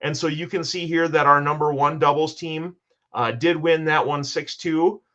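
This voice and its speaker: Upbeat podcast host, slightly dull sound. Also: male voice, on the high side, steady tone, moderate pace, a bit bright. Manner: enthusiastic, rambling, with restarts. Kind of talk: casual sports podcast recap.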